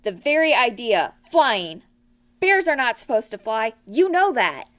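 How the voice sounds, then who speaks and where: Storybook rabbit played by a woman: male, self-important, indignant, scolding, highish pitch. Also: sing-song, a little slow, fairly bright tone. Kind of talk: children's storybook character voice.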